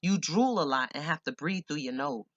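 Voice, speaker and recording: A man's voice: fairly high pitch, animated, normal speed, a bit bright, dry recording, highs cut off. Man, audiobook memoir narration, blunt, profane, dry close sound. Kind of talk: first-person memoir audiobook reading.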